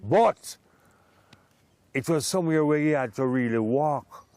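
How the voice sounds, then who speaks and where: A Jamaican man telling his story in an interview, in measured Rasta speech. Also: fairly high pitch, lively intonation, a little mellow, no room sound.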